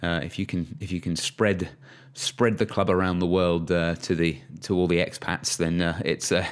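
Cricket podcast host, male, very low voice, loose chatty delivery. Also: normal speed, clean tone. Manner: relaxed, chatty, many fillers and restarts. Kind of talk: casual podcast chat.

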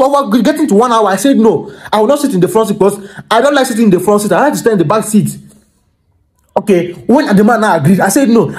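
Man, Nigerian accent, fast-talking, excitable, stumbling repetitions, phone selfie recording, small room. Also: sits high. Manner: excitable, repeats words and stumbles over phrases. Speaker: comedic storyteller. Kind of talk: comic storytelling monologue to camera. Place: small indoor room by a curtain. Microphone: phone camera held at arm's length.

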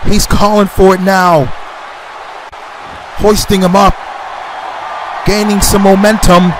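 Excitable man commentating a wrestling game. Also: slow pace. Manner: excitable, exclaiming and gasping, voice jumping high. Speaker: play-by-play commentator. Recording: loud game music and crowd noise. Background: game music and arena crowd.

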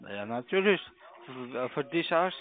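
Over a muffled, narrow phone line, a male scam call centre caller with a mid-range voice argues confrontationally, his pitch swinging widely. He speaks a little slowly in broken phrases, crude and taunting, with soft music behind him and a tinny sound. His first language is not German.

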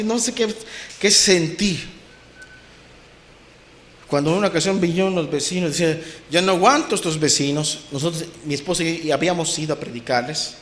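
A middle-aged man preaching a sermon as a pastor, impassioned, swinging from soft to loud emphasis. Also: sits high. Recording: roomy echo.

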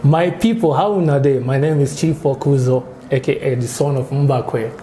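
A young man doing a jovial Nigerian comedian persona with a put-on Nigerian accent, slow and playful, recorded on a restaurant set. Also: medium pitch, dark tone, a little hiss or hum, close to an everyday voice.

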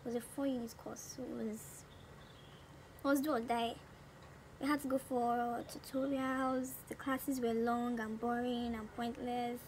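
A woman's voice: on the high side, little pitch movement, unhurried, low-quality recording. A woman in her twenties with a Nigerian accent, chatting casually and animatedly as a beauty vlogger. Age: 20s. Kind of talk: casual chat during a makeup tutorial. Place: small room at home. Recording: noticeable background noise.

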